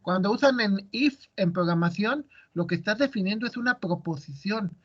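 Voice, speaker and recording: Male teacher, high voice, quizzing his students, muffled audio. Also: moderate pace. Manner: asks students questions, explains step by step. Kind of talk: classroom lecture.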